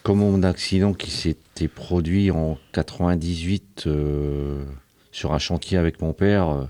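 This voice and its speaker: Deep-voiced hesitant man in his forties. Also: steady tone, measured pace, dark tone, no echo. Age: 40s. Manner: plain, hesitant, self-correcting. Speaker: interviewee. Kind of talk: radio interview. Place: radio studio.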